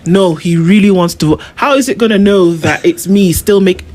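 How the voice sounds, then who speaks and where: A man's voice: sits high, moderate pace, a little mellow. A man interviewing in casual conversation, sceptical and questioning.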